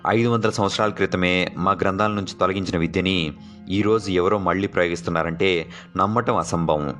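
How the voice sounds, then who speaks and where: A man's voice: low voice, a little fast, fairly bright tone, faint music behind. A man reading a horror story aloud as a narrator, voicing the dialogue of its characters with small shifts of voice. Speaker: audiobook narrator.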